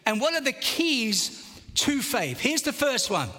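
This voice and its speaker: A man preaches with a high, bright voice that rings out, leaning hard on every scripture line he reads. His sermon echoes with a long tail through a big church hall. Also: measured pace. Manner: animated preaching, reading scripture aloud with emphasis. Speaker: pastor. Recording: reverberant large hall.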